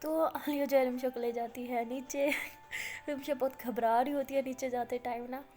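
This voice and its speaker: Chatty high-voiced woman storyteller. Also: fairly even intonation, moderate pace, a little mellow, faint music behind. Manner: chatty, with fillers. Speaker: storyteller, channel host. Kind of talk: casual spoken storytelling.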